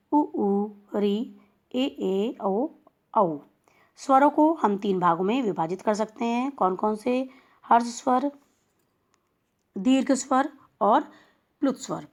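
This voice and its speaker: Woman, school teacher, recorded lesson for children, patient, sounds out examples, middle pitch. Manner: slow, explanatory, spelling out sounds.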